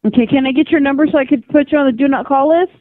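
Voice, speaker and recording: A woman's voice: sits high, racing. A polite, apologetic woman making a customer service phone call. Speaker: appointment caller for air conditioning company. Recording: tinny, band-limited telephone line.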